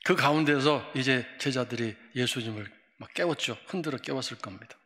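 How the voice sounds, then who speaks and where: A man preaches a sermon with a forceful, ringing tone, his delivery swinging between emphatic bursts and hushed near-whispers. He sounds like a pastor working a congregation at a middle pitch. The long reverb of a church sanctuary trails behind every phrase. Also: fairly quick.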